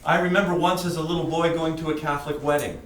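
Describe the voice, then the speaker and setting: A man with a Western Canadian English accent giving a personal testimony in short, plain phrases, pausing for translation. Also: on the high side, steady tone. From British Columbia, Canada. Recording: distant mic in echoey room, faint noise.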